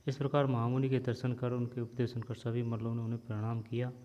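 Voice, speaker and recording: Male teacher reading a lesson aloud, dark mellow tone, long reverb on a dull lo-fi recording. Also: medium pitch, level tone. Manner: reads steadily, pauses to explain words. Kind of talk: reading a story aloud with explanations.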